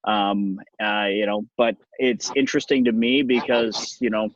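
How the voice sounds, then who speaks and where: A man's voice: lowish voice, steady tone, a little slow, no echo, lo-fi sound. A middle-aged man with a Californian American accent, talking casually in a rambling, wry, anecdotal way. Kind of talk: casual conversational talk.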